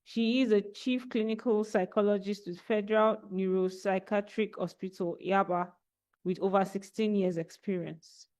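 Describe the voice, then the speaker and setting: A Nigerian woman reads out a speaker's biography in a steady, formal way. Her pitch is ordinary, and she reads at an even pace. Her voice comes through a video call microphone. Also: moderate pace. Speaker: barrister reading a guest speaker's bio. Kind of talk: reading a biography aloud.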